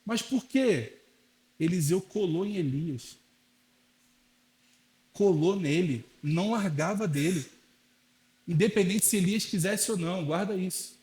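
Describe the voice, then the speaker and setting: High-voiced Brazilian pastor preaching. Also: male voice, measured pace, long pauses, darkish tone. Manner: conversational preaching, acts out quoted voices. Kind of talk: sermon.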